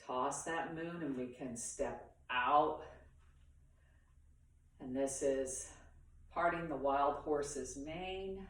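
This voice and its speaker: A woman teaching a beginners' tai chi class, guiding movements in short, paused instructional phrases. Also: low-pitched. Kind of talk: guided movement lesson for beginners. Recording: very echoey room, far from the mic.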